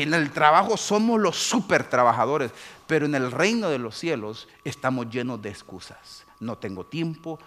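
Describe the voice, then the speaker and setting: A man, preaching a lively sermon as pastor and acting out his congregation's excuses. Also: a little high. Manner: animated, mimics churchgoers' excuses.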